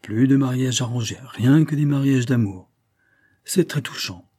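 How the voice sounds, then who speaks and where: A man's voice: medium pitch, measured pace, dark tone, slightly rough, pitched above the performer's own voice. A man reading aloud voices a talkative, impertinent rich young woman about to be married, in a lifted, teasing tone.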